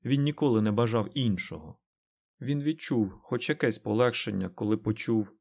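Male audiobook narrator, steady reading, mid pitch. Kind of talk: scripted narration.

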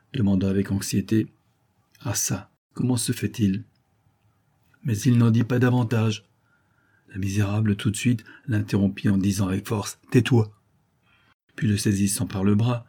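A man reads an old adventure novel aloud in a measured, dramatic way. His voice is low and mellow. It has a husky grain. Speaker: audiobook narrator. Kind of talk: scripted narration.

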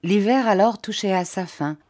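A woman narrating a classic novel as an audiobook, with measured, expressive reading. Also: medium pitch.

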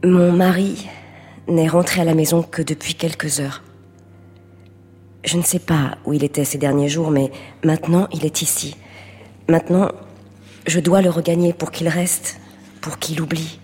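A cool, guarded wife. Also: female voice, steady tone, unhurried, long pauses, warm tone, slightly rough, in a large hall, soft background music. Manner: low, controlled and reserved. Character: guarded married woman, cool and self-protective. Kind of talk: stage play.

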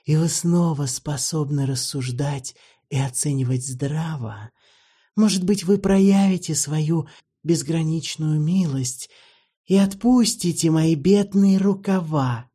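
A man puts on an old vampire for a dark fantasy audiobook: higher and softer than the narration, nearly a whisper at times, drawing out each ornate, courtly phrase. The mellow, husky tone suits his gentle, sorrowful irony. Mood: wry, courtly. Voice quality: soft, half-whispered, drawn-out. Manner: slow, ornate, mournfully polite. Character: ancient weary male vampire, courtly, gently ironic.

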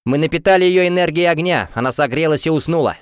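A man's voice: a little high, fast talker, clean tone, no room sound, studio quality, voice pushed up, natural voice. A man voicing a short, self-important young male student in an audiobook, eager and boastful. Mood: indignant.

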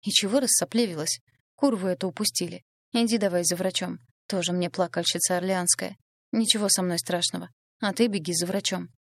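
Woman reading a croaky, brash older mother, low dry voice, audiobook. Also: steady tone, a little fast, no room sound. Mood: gruff scolding. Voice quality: croaky, grumbling. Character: brash sharp-tongued middle-aged mother, gruff.

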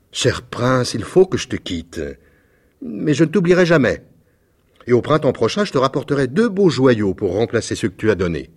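A man voicing a tender-hearted young male swallow in a storybook reading, high, eager and tremulous. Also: darkish tone, close to an everyday voice.

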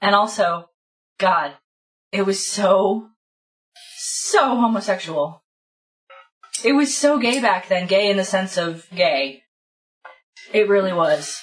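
A woman's voice: medium pitch, animated, takes it slowly, pauses often, rough recording. A woman co-hosting a podcast, making dry, teasing remarks. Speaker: podcast co-host. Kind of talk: casual drunk chat.

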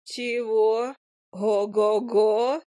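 A small, excitable fairy who squeals her outrage in a high, shrill voice, as a woman narrator puts her on. The sound is close and dry, storybook-style. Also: takes it slowly, no echo. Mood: indignant shrill.

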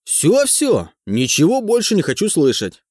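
A man doing an excitable old-school teacher. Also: a little high, moderate pace, no room sound, studio quality, voice pushed up, full character voice. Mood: excited. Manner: excitable, loud. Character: excitable mustached male teacher, middle-aged.

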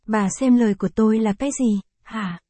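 A woman's voice: a little high, brisk, mellow, dry recording, lightly acted. A woman voicing a cruel, brutal old patriarch in a read-aloud story, talking in a harsh, scornful and threatening way.

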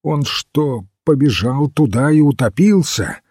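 A man voicing an anxious, sharp-tongued young man in a storybook reading, speaking curtly. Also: on the low side, lively intonation, unhurried, husky, dry recording, studio quality, full character voice. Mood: agitated. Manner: agitated, curt.

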